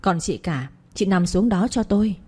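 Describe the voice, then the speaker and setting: A woman's voice: medium pitch, lively intonation, moderate pace, warm tone, husky. A woman reading the lines of a harsh, domineering elderly matriarch who scolds and commands. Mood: scolding.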